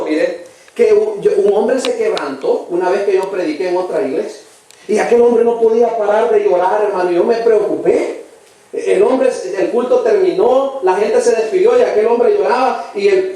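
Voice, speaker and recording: A man's voice: high voice, dark tone. A man preaching a sermon with a Salvadoran accent, earnest and emphatic, calling his listeners brother again and again. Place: church hall. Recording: very echoey church, voice from far off the mic.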